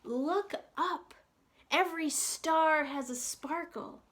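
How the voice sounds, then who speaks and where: During a picture-book story time with read-alouds and sing-along, a woman with a high, fairly bright voice reads very slowly. She is playful and addresses her young listeners directly.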